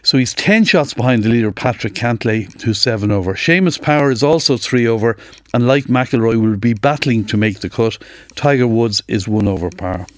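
A man's voice: medium pitch, moderate pace, no echo. A man with an Irish accent presenting live radio sports news and interviews from a studio.

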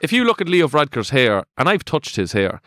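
A man's voice: fairly high pitch, very animated, fairly quick, fairly bright tone, no echo, studio quality. A man playing a rambling independent politician on an improvised comedy panel, with a hesitant delivery full of odd tangents. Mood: musing. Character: rambling male Irish independent politician, farmer-undertaker.

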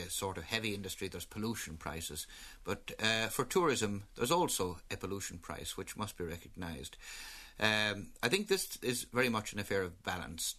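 A man, giving considered interview answers in a formal, measured way. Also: low voice, bright, forceful tone. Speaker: interviewed commentator on tourism.

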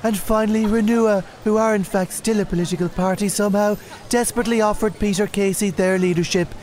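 A man playing a dry, deadpan news reporter. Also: sits high, fairly quick, close to an everyday voice.

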